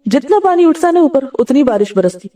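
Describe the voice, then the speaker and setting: A woman preaching in a mellow, somewhat high voice. She recites Arabic verses and asks questions she answers herself. She sounds set back from the microphone. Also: big pitch swings, brisk, distant mic. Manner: recites Arabic verses and hadith, then explains them. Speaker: Islamic scholar giving a religious talk. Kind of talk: sermon.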